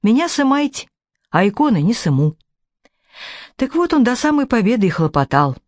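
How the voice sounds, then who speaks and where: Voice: mid-range voice, very animated, normal speed, dry recording, studio quality, pitched above the performer's own voice, lightly acted. A man reading a storybook, voicing an old village woman with folksy rural speech. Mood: wistful. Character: old village woman telling her war memories.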